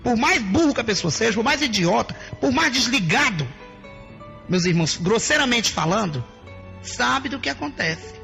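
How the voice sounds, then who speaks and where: Woman preacher giving a testimony: very gravelly, bright and forceful voice, emphatic, soft music underneath. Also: a little high, expressive, moderate pace. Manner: emphatic, often addressing listeners as brothers.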